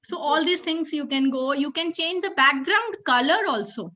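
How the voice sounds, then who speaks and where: A woman's voice: high voice, expressive, normal speed, sharp tone. A woman with an Indian accent presenting a teacher-training session over a video call, explaining patiently step by step and checking in often. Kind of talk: online teaching demo.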